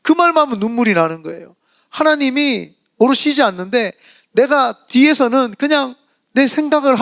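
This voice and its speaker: A man pastor preaching a sermon in a lively storytelling manner, often acting out quoted prayers and dialogue. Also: very high voice, creaky, dry recording, clean studio sound. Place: church sanctuary.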